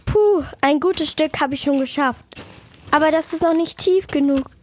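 A woman's voice: sits high, normal speed, darkish tone, slight background noise, natural voice. Hilde Haselmaus, a woman doing a fretful little dormouse. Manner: whiny, fretful. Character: tired, anxious little female dormouse. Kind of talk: children's audio story acting.

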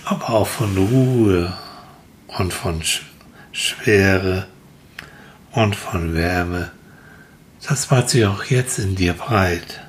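Slow, soothing male storyteller. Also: sits low, slight background noise. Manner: soft, soothing, drawn-out. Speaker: storyteller guiding a listener. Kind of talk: slow guided relaxation story.

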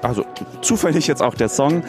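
Deadpan young man, lots of fillers. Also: a little high, a little fast, over music.

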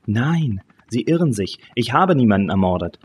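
A man voicing a shaken, resigned woman suspect who speaks quietly and evenly, with music behind. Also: fairly low pitch, fairly even intonation, fairly quick, slightly rough. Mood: calm. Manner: quiet, composed.

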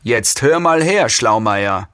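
A man voicing a rough, irritable male kidnapper in an audiobook reading, gruff and hissing. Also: mid-range voice, big pitch swings, a little slow, pushed and bright, dry recording.

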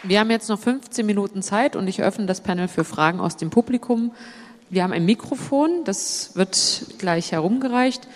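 A woman's voice: mid-range voice, a faint crowd, slight background noise. Woman moderating a panel in a hall. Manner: brisk, organizing speakers and questions. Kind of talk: moderating a live panel discussion. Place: conference hall with audience. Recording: long hall reverb.

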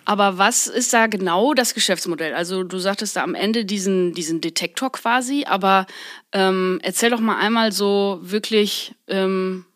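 A woman's voice: mid-range voice, normal speed, a bit bright. A woman hosting a podcast interview, asking questions in a friendly, casual way with many fillers. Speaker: podcast host.

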